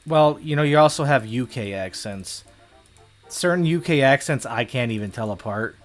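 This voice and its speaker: With faint music in the background, a streamer from the United States talks in an animated, mid-range voice at a moderate pace while playing on a livestream. He's casual, meandering, hesitant, and self-deprecating.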